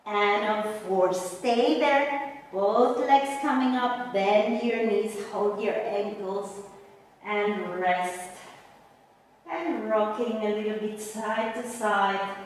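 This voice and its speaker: A woman working as a Pilates instructor, guiding a mat class with step-by-step cues and counts in a gentle, encouraging manner. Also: on the high side. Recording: very echoey, reverberant room, distant mic.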